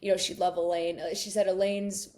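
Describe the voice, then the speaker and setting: A woman's voice: lowish voice, little pitch movement, fairly quick, warm tone. A young woman co-hosting a casual book club podcast, chatty, swearing freely and acting out quotes in little voices. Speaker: podcast co-host.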